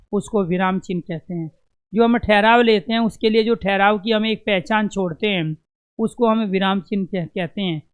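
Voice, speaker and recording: Key terms get repeated over and over in this exam-prep lesson, where a man asks questions and supplies the answers himself. His voice sits high and sounds smooth.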